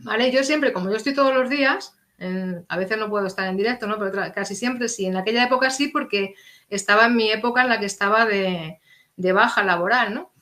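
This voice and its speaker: Talking a little fast in a medium-pitched voice, this middle-aged interview guest relates a personal story. She is earnest and lively, voicing the quoted lines of dialogue herself.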